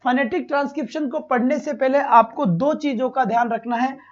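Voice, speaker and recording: A man's voice: very high-pitched, steady tone, fairly quick, muffled recording. A man teaching a live online exam-prep lesson, asking his students questions, repeating each one and fondly calling them "beta".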